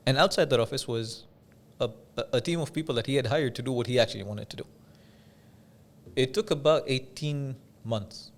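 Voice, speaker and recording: Guesting on a podcast, this Dubai-based business coach shares stories at a measured, conversational pace. He has a mid-range voice and uses pauses and repeated phrases to drive his points home.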